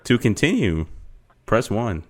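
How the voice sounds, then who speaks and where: A man's voice: fairly low pitch, very animated, voice pushed up. A man putting on a stiff robotic phone-line voice. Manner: slow, halting, robotic prompt reading. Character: stiff male automated code-line voice.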